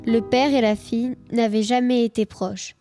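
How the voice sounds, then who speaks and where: A woman reads a storybook passage in an even, measured way, her voice a little high. Soft music plays behind her. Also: no echo. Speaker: narrator. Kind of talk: scripted audiobook narration.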